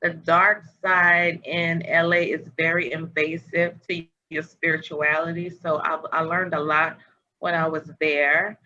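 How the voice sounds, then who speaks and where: Bright-toned woman host on a video call. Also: sits low, little pitch movement, measured pace. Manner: meandering, searching for words. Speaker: podcast host. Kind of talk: casual spiritual conversation. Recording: dull lo-fi audio with faint noise.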